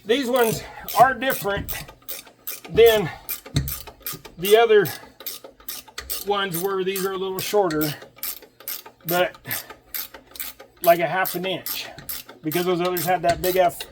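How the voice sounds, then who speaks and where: High-voiced man chatting through car repair. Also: fairly even intonation, takes it slowly, pauses often, a little hiss or hum. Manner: joking, chatty, talks to a helper while working. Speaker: DIY mechanic vlogger. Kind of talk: casual running commentary while working. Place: outdoors beside a truck.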